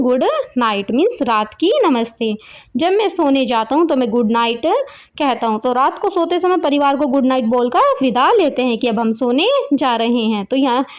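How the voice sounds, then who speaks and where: A woman with an Indian accent teaching a children's English lesson. She reads the English lines very slowly, then explains each word in simple terms. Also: sits high, expressive.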